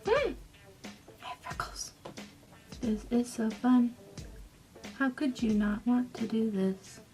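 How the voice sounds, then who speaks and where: A woman's voice: on the high side, takes it slowly, dark tone, soft background music. A young woman chatting casually as she does her makeup for a vlog, drifting into whispers now and then. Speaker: beauty vlogger.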